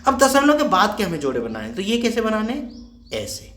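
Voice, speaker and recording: Guy teaching maths to kids, high lively voice, keeps saying ok got it, echoey room. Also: fairly quick. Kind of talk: whiteboard maths lesson.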